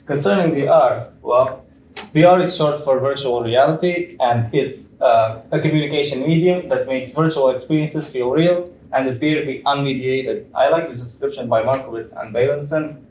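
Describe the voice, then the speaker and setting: A young man from Tunisia giving a conference presentation, explaining step by step with frequent pauses and fillers. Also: mid-range voice, a little mellow, slight background noise. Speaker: PhD student presenter. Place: conference room. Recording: echoey room, far from mic.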